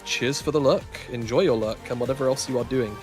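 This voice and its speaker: A man's voice: mid-range voice, fast, soft background music. A man, co-hosting a livestream and chatting casually with viewers. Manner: chatty, swearing, laughs often. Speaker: stream co-caster.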